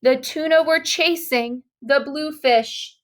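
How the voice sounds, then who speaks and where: A high-voiced woman reads a children's storybook aloud, taking it slowly and stretching key words for effect. Her delivery is dramatic and expressive, full of emphatic exclamations.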